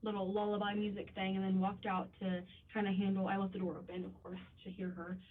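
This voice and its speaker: A woman's voice: medium pitch, completely flat delivery, fast, far from the mic, phone-quality sound. A woman being questioned as a babysitter in a police interview, speaking hesitantly with many fillers. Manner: hesitant, filler-heavy, many likes and ums.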